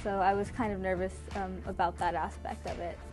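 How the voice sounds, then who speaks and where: A woman's voice: medium pitch, level tone, fairly quick. A woman college student speaking earnestly and a little hesitantly in a documentary interview. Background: faint background music.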